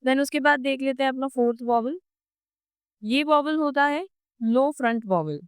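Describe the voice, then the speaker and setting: Clear, higher-pitched Indian woman tutoring. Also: moderate pace, no echo, studio quality. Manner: patient, explains step by step and drops her pitch on example words. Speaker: online tutor. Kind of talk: explanatory lecture.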